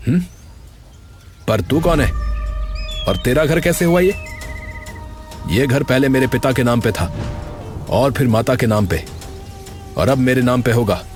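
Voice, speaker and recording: Man doing a slow, swaggering cartoon bully over clear music. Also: mid-range voice, animated, natural voice. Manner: rude, bullying. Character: greedy bullying man, cruel son.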